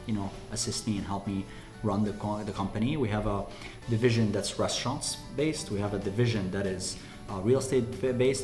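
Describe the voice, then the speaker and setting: A man from Lebanon speaks as a company president in an interview, his voice sitting low. He pauses often on "uh" as he explains things. The room gives his voice a roomy echo, and faint music plays underneath. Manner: hesitant, many "uh" fillers. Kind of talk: interview answers.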